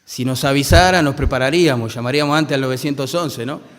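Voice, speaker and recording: A man's voice: mid-range voice, fast talker, long reverb tail. A man with a Rioplatense Argentine accent preaching a sermon as pastor, speaking conversationally and asking the congregation rhetorical questions. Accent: Rioplatense Spanish. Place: church hall.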